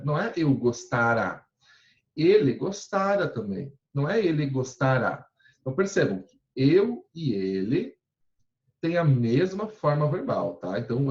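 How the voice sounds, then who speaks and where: A man teaching a recorded grammar lesson, with a patient, explanatory manner and lively, rising and falling intonation. He slows down to spell out each verb form and keeps checking in with his students. His voice sounds roomy and echoey, with a dull, lo-fi quality. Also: mid-range voice. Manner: ends phrases with checking tags like "tá?". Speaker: Portuguese teacher.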